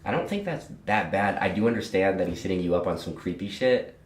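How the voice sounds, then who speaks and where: A man's voice: deep voice, big pitch swings, fast talker, echoey room. A young man hosting a podcast, talking bluntly and loosely in casual chat, swearing now and then. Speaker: podcast host.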